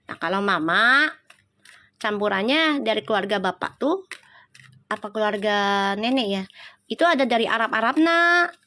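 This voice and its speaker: A woman's voice: a little high, animated, normal speed, long pauses, sharp tone. A middle-aged woman with a Betawi Jakarta accent, chatting casually with viewers on a tarot live stream, teasing and laughing often.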